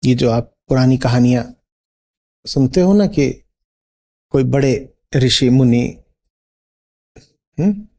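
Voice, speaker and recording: A spiritual teacher with a medium-pitched, gravelly, mellow voice gives a discourse. He teaches by posing rhetorical questions and checking in with his listeners.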